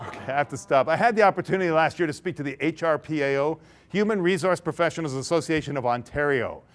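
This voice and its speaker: Slight background noise sits under this keynote speaker's somewhat high, fast-talking voice. Addressing a large audience in a big conference hall, he makes it interactive, telling a story, playing its characters, and laughing a lot.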